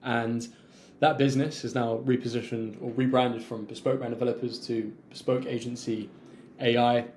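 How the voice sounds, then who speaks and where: Young man, podcast guest, warm mellow tone, relaxed storytelling, clears throat at times. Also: medium pitch, moderate pace, slight background noise. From London. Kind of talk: casual interview chat.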